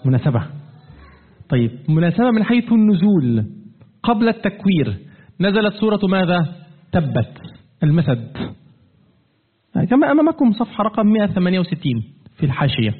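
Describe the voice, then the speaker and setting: A man's voice: high voice, big pitch swings, fairly quick, pauses often, slightly rough. A man teaching a classroom lesson, quizzing his students with constant questions and demonstrating with repeated emphatic words. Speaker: teacher of Quran commentary. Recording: tinny phone-like classroom recording.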